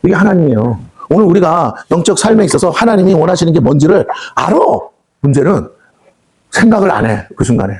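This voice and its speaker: A male pastor preaches a fiery revival sermon in a church hall, talking fast in a husky, somewhat high voice. His pitch swings widely as he scolds the congregation bluntly and slips into acted voices of God, the devil and children. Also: sing-song, a little mellow. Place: prayer house church hall.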